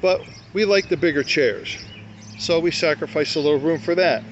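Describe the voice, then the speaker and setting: A man's voice: on the high side, moderate pace. An older man casually showing his camping gear to camera at a grassy campsite, talking in a folksy, rambling way and correcting himself as he goes. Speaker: motorcycle camping vlogger. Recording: dull lo-fi outdoor sound with faint noise.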